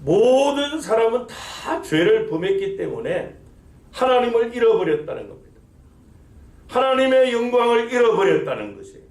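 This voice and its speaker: A man's voice: very high-pitched, big pitch swings, moderate pace, a little mellow. Man, pastor, sermon, emphatic rhetorical questions, echoey sanctuary. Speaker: senior pastor. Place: church sanctuary.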